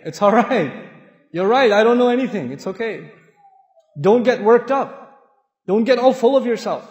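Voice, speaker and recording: A middle-aged man from Pakistan giving an animated, humorous Islamic talk to an audience in a large mosque hall, acting out voices as he tells stories. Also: very high voice, dull audio. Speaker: Islamic lecturer. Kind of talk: sermon-style talk with storytelling. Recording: echoey hall with long reverb.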